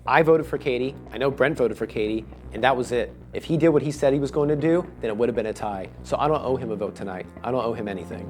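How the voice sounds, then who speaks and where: A man's voice: medium pitch, fast, few pauses, over music. A man contestant explaining his vote in a firm, matter-of-fact confessional. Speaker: reality game contestant.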